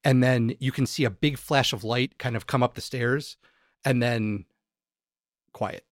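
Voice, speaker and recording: A man's voice: medium pitch, unhurried, no echo, studio quality. A man narrating a tabletop game as game master, describing scenes and stammering a little when he restarts.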